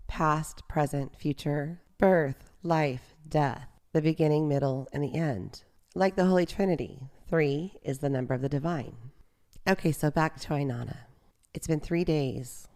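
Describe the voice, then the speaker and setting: A woman hosting a storytelling podcast, retelling an ancient myth in a reflective, gentle, conversational way with personal asides. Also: sits low.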